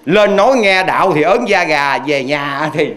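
A man's voice: a little high, lively intonation, unhurried, a bit bright. A man with a Southern Vietnamese accent preaching a folksy storytelling sermon, chatting with the audience and asking them rhetorical questions. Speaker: Hoa Hao Buddhist preacher.

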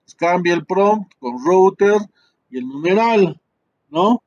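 A man's voice: sits high, expressive, takes it slowly, darkish tone, dull audio. A man teaching a class through a screen-share tutorial, talking in a chatty way with many fillers and tag questions.

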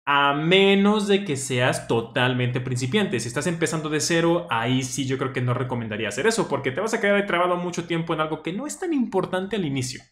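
A man who stutters now and then, explaining a study deck in a relaxed, thinking-aloud way. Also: fairly high pitch, brisk, hardly any pauses. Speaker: language teacher reviewing a study deck. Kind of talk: casual explanatory commentary. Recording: roomy echo.

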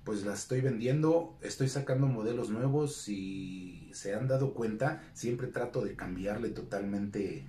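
Low-voiced Mexican man in an echoey room. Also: a little slow, hardly any pauses. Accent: Mexican Spanish. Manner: animated storyteller acting out quoted dialogue. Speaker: retired lucha libre wrestler, guest. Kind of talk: casual interview storytelling.

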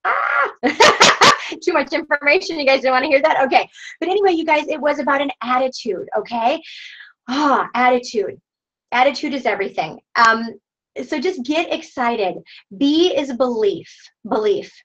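A middle-aged woman gives an upbeat training talk to her team. Her voice sits a little high and she keeps rallying the group with "you guys". The video call audio sounds dull and lo-fi. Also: normal speed. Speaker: sales director leading a team training.

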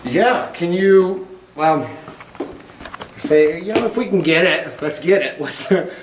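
A man's voice: a little high, expressive, takes it slowly. A rambling host with a slightly raised voice calls out to unseen spirits inside an empty school. His words ring back with a heavy echo off the bare halls. A faint hiss sits under the recording. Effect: heavy echo bouncing around an empty building. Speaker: ghost-hunting host. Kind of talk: casual paranormal investigation vlog.

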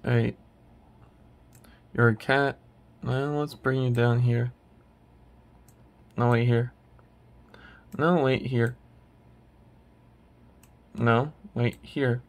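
Slow, rambling man. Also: mid-range voice, fairly even intonation. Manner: rambling and hesitant, many restarts. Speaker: channel host. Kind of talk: casual commentary while ranking a tier list.

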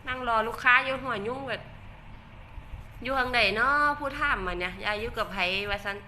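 A woman's voice: fairly high pitch, fairly quick, bright, forceful tone, slight background noise. An older woman with an Isan Thai accent, chatting casually on a livestream, laughing often and joking about herself. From Northeast Thailand. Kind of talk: casual livestream chat reading comments.

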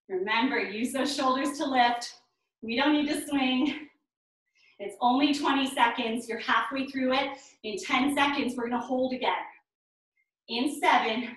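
A woman's voice: high voice, sharp tone. A woman in her thirties coaching a workout with counts and cues, encouraging and urging while she exercises along. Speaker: fitness instructor. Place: small bare indoor room at home. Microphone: camera a few meters away. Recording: echoey bare room, distant mic.

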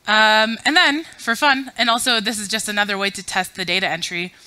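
A medium-pitched, smooth but sharp voice, fairly quick and steady, belongs to a thirtysomething woman originally from Afghanistan. She gives a chatty, self-mocking conference talk at a podium mic, running polls for a packed room. The recording is dry and low in quality.

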